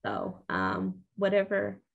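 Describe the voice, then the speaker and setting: A woman's voice: lowish voice, sing-song, takes it slowly, gravelly, lo-fi sound. A young woman with a Mexican accent, co-hosting a casual podcast chat, talking in an earnest, reflective way with lots of fillers. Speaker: podcast co-host.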